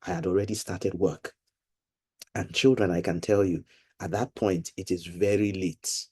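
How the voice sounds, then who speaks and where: Middle-aged man, low husky voice, patient teacher for kids on a video call. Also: steady tone, mellow. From Nigeria. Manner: patient, explaining slowly to children. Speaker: financial literacy seminar leader. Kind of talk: online seminar for children.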